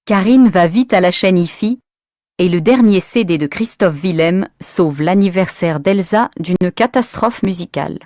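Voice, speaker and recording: Slow, expressive woman storyteller. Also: lowish voice, no echo, clean studio sound. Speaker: narrator. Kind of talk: slow, clear storybook reading for language learners.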